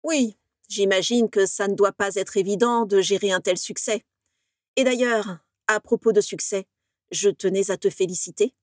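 A woman's voice: mid-range voice, fairly even intonation, moderate pace, dry recording, clean studio sound, close to an everyday voice. A woman voicing a jealous young male wizard who speaks with bitter sarcasm.

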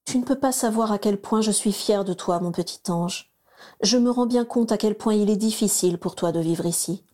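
Woman reading as a warm, coaxing mother. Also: mid-range voice, moderate pace, close to an everyday voice. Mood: tender. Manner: gentle, affectionate, coaxing.

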